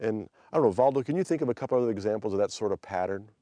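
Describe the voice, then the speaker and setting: A man's voice: lowish voice, animated, fast, dark tone, no room sound. A man hosting a language lesson who explains sentence patterns and imitates the intonation of example phrases. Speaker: language teacher host.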